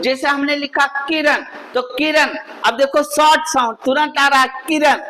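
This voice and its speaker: A man's voice: very high voice, bright, forceful tone, rough recording. A male teacher, giving a spelling lesson and drilling the class with repeated questions and answers.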